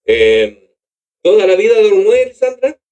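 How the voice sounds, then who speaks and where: A Chilean-accented man hosts a radio interview, friendly and chatty. His voice sits a little high for a man and moves lively up and down in pitch. He greets and questions his guests with easy warmth of manner. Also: measured pace. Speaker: radio host.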